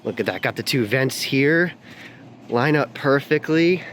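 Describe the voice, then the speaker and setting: A man's voice: medium pitch, lively intonation, measured pace, a bit bright. Laid-back guy doing a diy install vlog in his garage, chill slangy talk, noisy room. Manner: upbeat, casual, slangy. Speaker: vlogger. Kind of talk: casual product review and install walkthrough.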